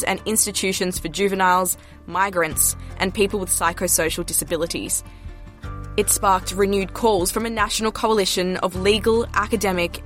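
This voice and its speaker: A woman's voice: mid-range voice, fairly bright tone. A woman news reporter, delivering scripted news narration.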